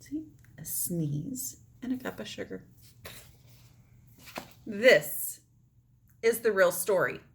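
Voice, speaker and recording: A woman's voice: medium pitch, lively intonation, slow, gravelly, long pauses, slight background noise. A woman reading a storybook aloud in the role of a chatty, aggrieved male wolf telling his side with theatrical emphasis. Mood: confiding, aggrieved. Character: chatty, self-justifying male wolf, wronged storybook narrator. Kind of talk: storybook read-aloud, first-person narration.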